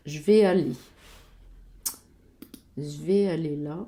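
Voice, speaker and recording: This woman's voice is low and dark, and her delivery is slow. A board game YouTuber, she muses casually about board games while looking through websites, stumbling over frequent fillers and muttering to herself.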